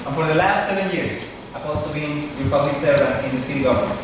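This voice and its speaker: High-voiced man in a distant echoey hall. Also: fast. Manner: steady, scripted delivery. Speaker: city official, candidate. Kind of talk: prepared campaign speech. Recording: echoey hall from far off, noisy.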